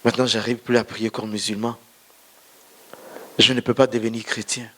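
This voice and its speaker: A male pastor, not a native French speaker, tells his testimony as a story from the pulpit, addressing the congregation head-on. His voice sits at medium pitch with little pitch movement, and he talks at a normal pace with a sharp tone.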